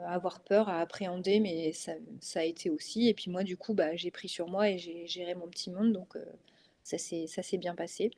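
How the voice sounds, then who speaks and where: Warm and fairly low-pitched, the voice belongs to a woman in her thirties from northern France, judging by her accent, who has three children. She talks casually as a guest in an interview, hesitant and prone to fillers and restarts.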